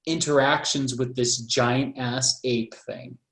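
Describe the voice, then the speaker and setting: A man's voice: medium pitch, fairly even intonation, slow, a bit bright. Rambling man in an echoey room. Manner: rambling, many "like" fillers, swears. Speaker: podcast co-host. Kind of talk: casual chat. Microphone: video call.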